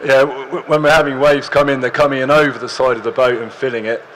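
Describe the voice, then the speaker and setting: A young man, slightly hoarse, giving an easygoing stage talk with dry humour in a large hall. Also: mid-range voice, fairly even intonation, fast talker, a bit bright, slight background noise. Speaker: presenter.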